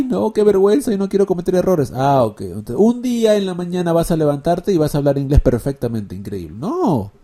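A male English teacher explaining his method in a casual, animated spoken lesson, acting out examples and asking rhetorical questions. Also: medium pitch.

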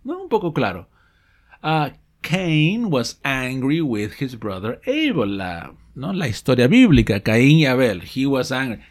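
A man's voice: mid-range voice, sing-song, a little hiss or hum. A man teaching an audio lesson, explaining phrases patiently, checking in with his listeners and correcting his own slips. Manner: reads example sentences and dialogues slowly. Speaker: English teacher.

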